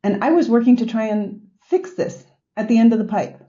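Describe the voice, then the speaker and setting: Mellow-voiced woman with a Boston accent. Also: fairly high pitch, expressive, fairly quick, muffled recording. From north of Boston, US. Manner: reflective, storytelling with frequent fillers. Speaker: podcast guest. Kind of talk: conversational interview answers.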